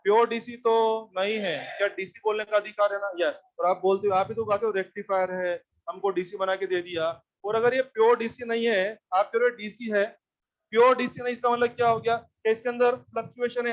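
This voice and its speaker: Man, high voice, teacher, blunt and scolding, quizzing the class. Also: little pitch movement, fairly quick. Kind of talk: classroom lecture on electronics.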